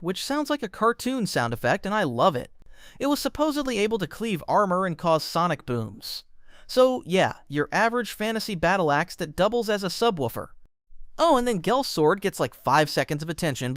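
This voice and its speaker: A man narrates a scripted explainer with a wry, joking delivery. His voice sits high and swoops lively up and down. The recording is close and dry, with no room sound. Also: no room sound.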